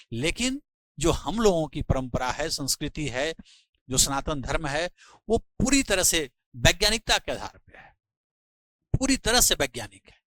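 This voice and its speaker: A middle-aged Indian man, a physics teacher giving an earnest, preachy motivational talk to his students and slowing down to press his points. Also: a little high, bright, forceful tone, no room sound, rough recording.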